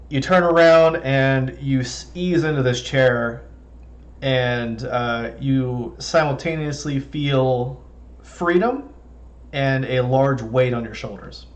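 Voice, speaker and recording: A man narrating as game master of a tabletop role-play, loose and full of fillers. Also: mid-range voice.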